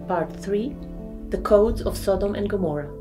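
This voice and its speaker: Woman reading out a lecture, measured teacherly delivery, normal pitch, soft music underneath. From Israel. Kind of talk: scripted lecture narration.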